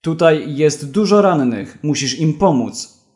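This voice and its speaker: A man's voice: a little high, lively intonation, slow pace, a little mellow. A man reading the curt, commanding lines of an armed militiaman in a storybook. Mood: stern.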